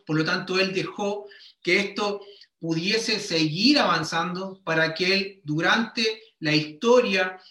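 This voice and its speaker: A man preaching a sermon as a teaching, measured and explaining, often checking with his listeners whether they follow. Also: high voice, pushed and bright. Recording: roomy echo.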